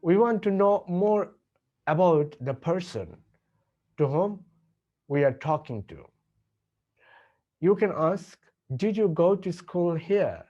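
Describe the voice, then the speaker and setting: A man with a Bangladeshi accent teaching English, slowly repeating example questions and answers. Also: sits high, very animated, warm tone, dull audio. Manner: slow, deliberate repetition of example sentences. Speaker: English tutor. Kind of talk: language lesson with model dialogues.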